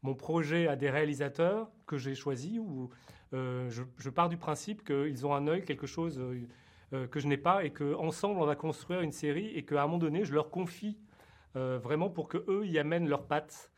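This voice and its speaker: Man, series creator, somewhat high voice, hesitant, lots of fillers and restarts. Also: normal speed, a little mellow. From France. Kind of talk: interview answers.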